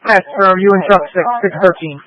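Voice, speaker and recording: A man's voice: high-pitched, steady tone, brisk, no echo. A man working as a fire dispatcher, making formal, repeated announcements over a two-way radio. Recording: tinny, phone-like radio transmission.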